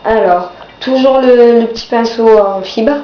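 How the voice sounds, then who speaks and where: A teenage or young adult beauty vlogger casually reviews products while sick with a cold, her voice congested, nasal and sore-throated. She speaks on the high side and a little slowly, in a dull, roomy recording with faint background noise.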